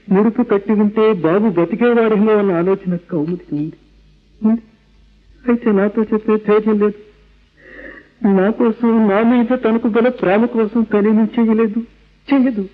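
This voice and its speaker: A high-voiced Telugu Indian man as an anguished, rationalist father in an old radio play. He is emphatic and theatrical, dropping in English words, on a tinny, narrow-band recording. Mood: brooding, doubting. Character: rationalist young father, atheist, anguished over his son. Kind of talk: old radio drama acting.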